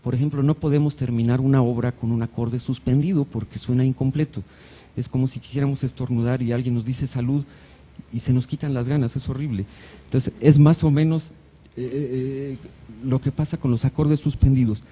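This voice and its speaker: A man of middle pitch gives a live lecture at a hospital event, explaining music theory in a chatty, joking way and breaking into short sung notes. The sound is dull and lo-fi, as from a recording of a hall event. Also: steady tone, fairly quick, husky. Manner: conversational, jokey, sings short note examples. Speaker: doctor giving a talk on music theory.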